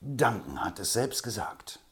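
A man's voice: fairly low pitch, very animated, measured pace, slight background noise, pitched above the performer's own voice. A man reading aloud, voicing a self-important male informant who brings news in a storybook. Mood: eager.

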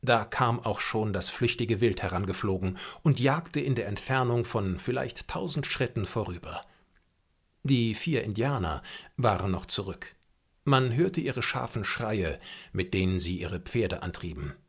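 A man reading an adventure novel aloud as narrator, with measured, expressive storytelling. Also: lowish voice, slightly rough.

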